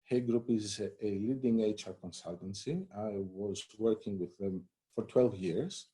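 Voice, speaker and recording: A man from Greece talks about his career as an interview guest, relaxed and conversational, with plenty of "you know" and small restarts. His voice is dark and mellow. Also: fairly low pitch, unhurried. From Greece and the United States. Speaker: head of human resources, interview guest. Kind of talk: live-streamed interview.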